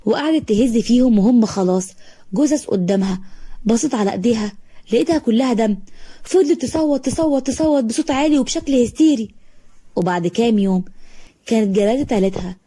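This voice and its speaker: A woman's voice: on the high side, fast, pauses often, mellow, slightly rough. A woman with an Egyptian Arabic accent narrating a dramatic story.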